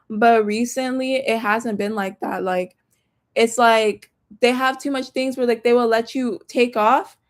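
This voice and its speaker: Young woman, slight Southern accent, slangy livestream chat, bit high voice. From Texas. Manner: chatty, slangy, addresses viewers directly. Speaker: tarot reader livestreaming. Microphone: phone or laptop mic.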